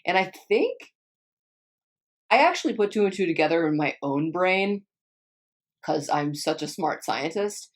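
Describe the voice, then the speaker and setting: A woman's voice: lowish voice, expressive, a little slow, pauses often. A young woman from Texas chatting casually as a vlogger, rambling and swearing a lot, trailing off and restarting often. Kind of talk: casual chat answering viewer questions.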